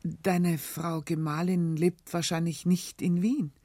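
A woman's voice: fairly low pitch, little pitch movement, slow pace, dark tone, dry recording, clean studio sound. A woman reading aloud as a young male officer who pleads with his uncle, hesitant and eager. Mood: pleading. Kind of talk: literary reading on radio.

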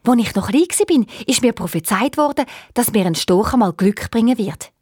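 A woman voicing a hoarse princess owl. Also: fairly high pitch, animated, normal speed, darkish tone, no echo, clean studio sound. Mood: plaintive. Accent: Swiss German. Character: enchanted young princess turned owl, sorrowful.

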